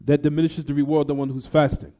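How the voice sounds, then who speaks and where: A male Islamic teacher gives a religious lesson, reading quoted text aloud and then explaining it, often asking the class rhetorical "what?" questions. He switches between English and recited Arabic. His voice is fairly high and dark in tone, with a flat delivery at a quick pace.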